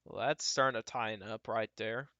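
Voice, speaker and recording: A man giving casual, off-the-cuff live weather radar commentary as a livestream storm tracker, halting and repeating himself as he talks through what he scans. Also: fairly low pitch, steady tone, bright, forceful tone, dry recording, highs cut off. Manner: talks to himself while scanning, halting and repetitive.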